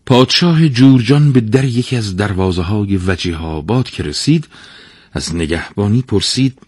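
Deep, husky male narrator for a folktale, lively and dramatic, close and dry. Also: no room sound. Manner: expressive, dramatic storytelling. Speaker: storyteller.

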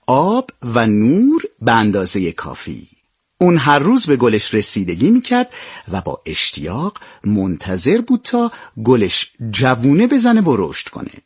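A man narrating a scripted children's story, expressive and addressing the children directly. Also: medium pitch, husky, no room sound, studio quality.

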